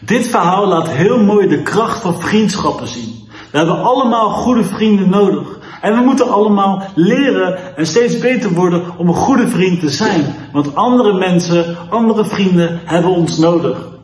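Expressive man reading a kids' Bible story. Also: sits high, moderate pace. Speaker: children's church leader. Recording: echoey room.

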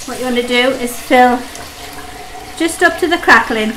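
Talking between bites, a young Englishwoman sniffles a bit from a cold as she films a chatty home cooking and eating mukbang vlog in her kitchen. Her high voice is bright and forceful at a moderate pace, and the poor audio carries a little hiss or hum.

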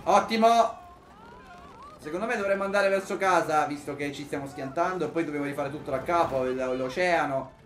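Excitable young Italian gamer man. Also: on the high side, fast talker, few pauses, a little hiss or hum. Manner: excitable, swears, jumps between loud outbursts and mutters. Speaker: gaming YouTuber. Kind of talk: casual gameplay commentary.

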